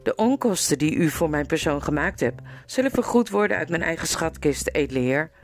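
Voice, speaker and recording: A woman's voice: low voice, lively intonation, brisk, soft background music. A woman reading aloud, voicing a proud young king who speaks in a bold, formal and commanding way.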